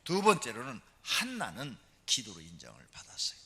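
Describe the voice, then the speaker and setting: A male pastor preaches with animated storytelling, his pitch leaping and dropping. His voice is bright and a little husky, and it rings in the long reverb of a church sanctuary. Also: moderate pace. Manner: animated storytelling, calls for amen responses. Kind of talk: sermon.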